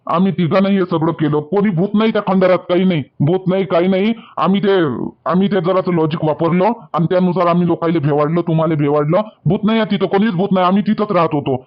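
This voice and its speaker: A man's voice: high voice, steady tone, quick pace. Emphatic Varhadi man in village comedy. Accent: Varhadi Marathi. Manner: emphatic and repetitive, pleading. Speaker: comedy sketch actor. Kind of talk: rustic village comedy sketch. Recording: dull lo-fi sound.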